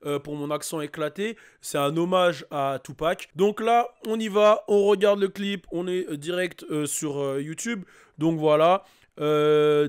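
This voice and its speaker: A man hosting a YouTube reaction video, talking casually and excitedly to his viewers with lots of fillers. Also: high voice, smooth. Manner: excitable, hyped, chatty with many fillers.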